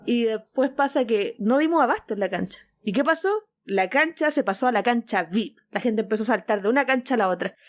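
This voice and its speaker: Lively Chilean woman telling a story. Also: a little high, fairly quick, hardly any pauses. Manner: animated, acts out quotes with big shifts in voice. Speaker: podcast co-host. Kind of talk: casual chat, storytelling.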